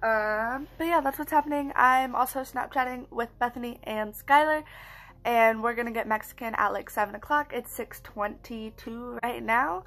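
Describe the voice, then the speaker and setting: A woman's voice: on the high side, fairly bright tone. A young woman in casual vlog chat, rambling and self-mocking as she talks to a phone held at arm's length in her bedroom. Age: young adult. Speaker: vlogger. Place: small bedroom at home, indoors.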